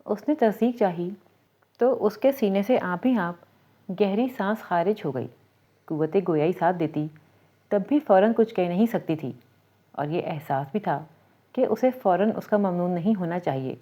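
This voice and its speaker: A woman narrating a romantic novel in a steady, even reading voice. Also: on the low side. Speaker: storyteller. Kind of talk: scripted story narration. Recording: dull lo-fi recording.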